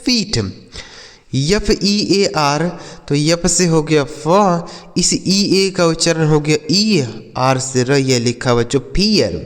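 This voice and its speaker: A man teaching English spelling to children, sounding letters out slowly and answering his own questions. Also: fairly high pitch, clear, resonant tone, in a large hall.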